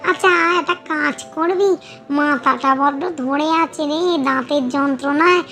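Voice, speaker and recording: A woman's voice: sits high, unhurried, a bit bright, soft background music. A woman voicing a fussy middle-aged female ghost with a toothache in a cartoon. She sounds whiny and bossy, and she bargains to get her way. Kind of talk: cartoon voice acting.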